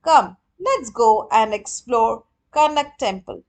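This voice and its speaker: A woman narrating her travel vlog in a measured, scripted voice-over. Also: fairly high pitch, animated, slight background noise. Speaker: travel vlogger.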